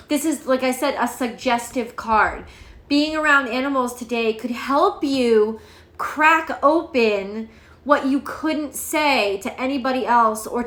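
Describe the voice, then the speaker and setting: A woman's voice: high voice, fairly bright tone, echoey room. A woman giving a casual, rambling tarot reading to camera, emotional and chatty, swearing freely. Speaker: tarot reader.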